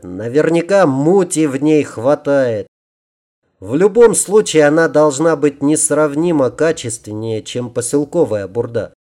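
A man narrating an audiobook with a steady storytelling delivery. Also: medium pitch.

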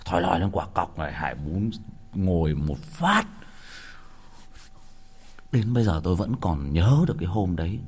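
Deep-voiced, crude storyteller. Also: male voice, normal speed, pauses often, breathy edge. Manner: crude, colloquial and animated. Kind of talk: casual storytelling.

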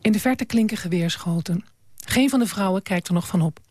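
A woman hosting a late-night radio show in a studio, gently asking questions and reading a book passage aloud. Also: medium pitch, brisk, breathy edge, dry recording. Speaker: radio host.

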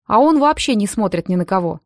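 A woman voicing a chatty, pushy young male student who confides gossip in a hushed tone, in an audiobook. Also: mid-range voice, lively intonation, fairly quick, dry recording, clean studio sound, lightly acted.

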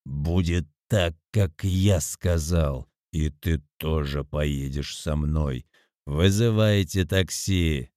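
A man's voice: on the low side, lively intonation, measured pace, a little mellow, no room sound, clean studio sound. A man playing a cold, cruel drunk boss. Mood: harsh. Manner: cold, commanding.

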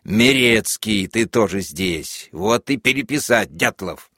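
A man voicing a furious, bullying prison major who screams in shrill outbursts while reading an audiobook. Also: expressive, slow pace, creaky, sharp tone, breathy edge, no echo, clean studio sound, exaggerated voice. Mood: hurried commanding.

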